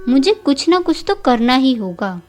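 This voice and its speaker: A woman's voice: sits high, sing-song, measured pace, soft background music. A woman voicing a jealous young woman who schemes against her rival and mocks her. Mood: scheming. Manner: spiteful and mocking.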